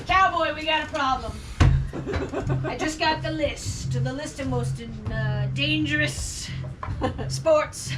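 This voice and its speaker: A woman's voice: high voice, takes it slowly. A woman playing a brash, foul-mouthed sheriff who bosses and needles in a live comedy scene. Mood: gruff, urgent. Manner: bossy, needling, swearing. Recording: echoey stage, distant mic, loud audience. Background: music and crowd.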